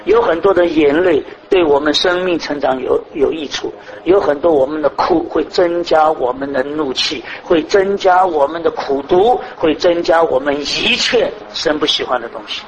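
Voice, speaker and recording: In this rough recording, a man preaches to a congregation at a normal speed with hardly any pauses. He fills the sermon with rhetorical questions, alternating between soft, low phrases and raised, emphatic ones.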